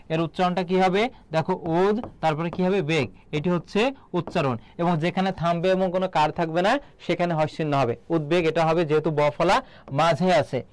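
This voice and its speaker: A man from Bangladesh gives an exam-prep lesson, firing off a question, then repeating the answer so it sticks. His voice sits a little high for a man. The recording is dry and close. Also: darkish tone, no room sound. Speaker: teacher.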